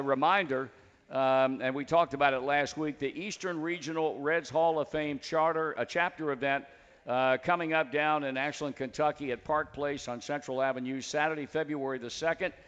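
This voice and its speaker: A man's voice: on the high side, fairly bright tone, clear, resonant tone, big-room sound, lo-fi sound. Folksy male sports radio host. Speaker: radio talk show host. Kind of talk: sports call-in radio talk.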